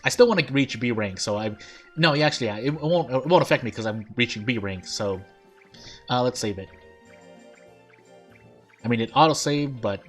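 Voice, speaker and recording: A man gives casual game commentary at a middling pitch while music plays behind him. He thinks out loud in a loose, wandering way. His overbite shows in his articulation, with his teeth catching his lip on some syllables. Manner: rambling, thinking aloud. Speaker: gaming streamer.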